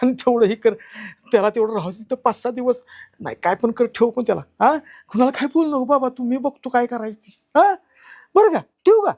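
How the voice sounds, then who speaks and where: A man's voice: very high voice, animated, brisk, darkish tone, no room sound, full character voice. A man acting as a stubborn village father in a short drama, speaking. He is insistent and dismissive, and refuses to believe anything bad about his son. The recording is dry, with no room sound. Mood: alarmed. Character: stubborn rural father denying his son's guilt.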